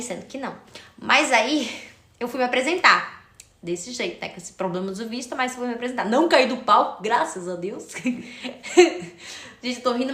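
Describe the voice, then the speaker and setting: A woman's voice: on the high side, fairly bright tone, echoey room. A young adult woman chatting casually on a live stream, telling a childhood story and greeting viewers by name. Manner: chatty, addresses viewers, thanks commenters by name.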